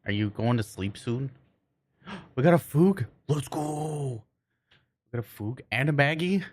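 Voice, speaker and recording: Expressive and unhurried, a man with a medium-pitched voice chats casually with viewers while streaming a game. He rambles, often reaches for his words, and is unable to roll his R's.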